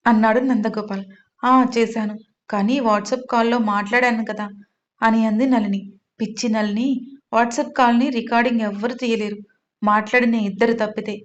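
A woman's voice: fairly high pitch, steady tone, normal speed. A woman hosting her own channel, narrating a serialized audio story and reading every character's lines herself with little change of voice. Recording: slightly dull, lo-fi sound.

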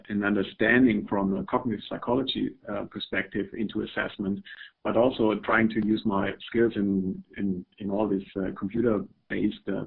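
A middle-aged German man with a German accent gives an academic webinar talk over phone-like audio. His lowish voice is creaky and slightly rough, and he sounds hesitant, with many fillers and repeated words.

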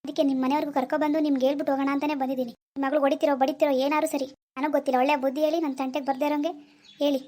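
A man's voice: very high voice, level tone, darkish tone. A young man playing a blunt, stubborn village guy. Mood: explaining. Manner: quick, blunt arguing.

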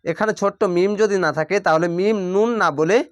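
Male teacher with a Bangladeshi Bengali accent, high voice, dry close mic, patient, repeats every rule. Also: dry recording. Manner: patient, repeats rules, drawls out words slowly. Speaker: Quran reading teacher. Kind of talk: step-by-step recitation lesson.

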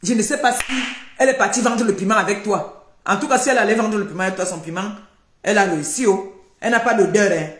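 A woman's voice: mid-range voice, quick pace, a little hiss or hum. An older woman, ranting on a live stream, scolding and accusing and repeating her points. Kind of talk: heated live-stream rant. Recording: echoey room.

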